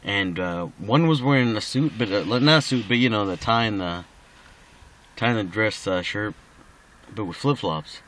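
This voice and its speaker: A man's voice: fairly low pitch, moderate pace, fairly bright tone. A drunk man rambling casually in a personal recording, slightly slurring and losing his thread.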